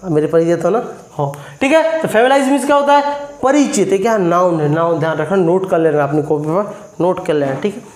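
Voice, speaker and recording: A man teaches vocabulary in a live class streamed from his phone. He quizzes his viewers again and again and spells the words out slowly. His voice rings in an echoey room. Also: high voice, lively intonation, darkish tone.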